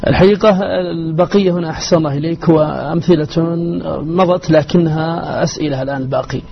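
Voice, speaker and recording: A man's voice: on the high side, fast talker, highs cut off, a little hiss or hum. A male presenter of a radio program, courteous, reading out listeners' messages.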